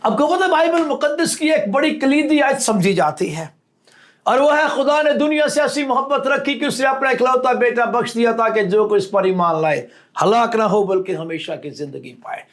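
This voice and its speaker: Animated high-voiced male preacher. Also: moderate pace. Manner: animated, acts out quoted lines with rising emphasis. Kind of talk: sermon.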